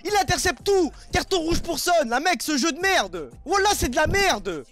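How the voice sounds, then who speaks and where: High, jumpy French man raging at a game. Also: big pitch swings, moderate pace, soft background music. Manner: swings between shouting outbursts and muttered grumbling, with sing-song taunts. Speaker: gaming streamer. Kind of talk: raging gameplay commentary.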